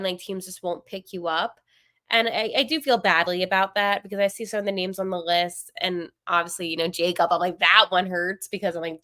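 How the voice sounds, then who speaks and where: A woman hosting a sports podcast, talking casually and with strong opinions, full of fillers and quick asides. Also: on the low side, bright, forceful tone, smooth, no room sound, clean studio sound. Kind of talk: casual solo podcast commentary.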